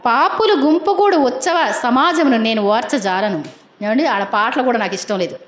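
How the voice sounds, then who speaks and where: A woman's voice: on the high side, expressive, moderate pace, roomy sound. A woman preaching a sermon in a chatty, colloquial way, keeps asking her congregation questions.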